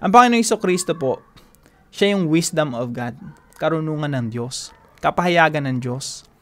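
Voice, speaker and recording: A man leading a devotional teaching. He talks emphatically, repeats his key phrases and slows down on the English lines. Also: fairly high pitch, expressive, a bit bright. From Philippines. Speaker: devotion leader.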